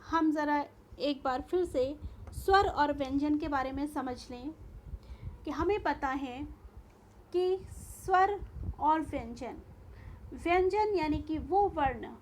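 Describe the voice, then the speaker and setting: A woman's voice: high-pitched, slow, a little hiss or hum. A woman teacher giving a recorded school lesson, explaining carefully and spelling out sounds one by one.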